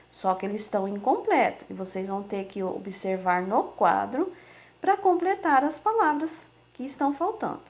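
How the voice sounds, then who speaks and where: A woman teacher giving a slow, patient remote lesson to young children, sounding out words syllable by syllable. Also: fairly high pitch, creaky. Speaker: primary school teacher.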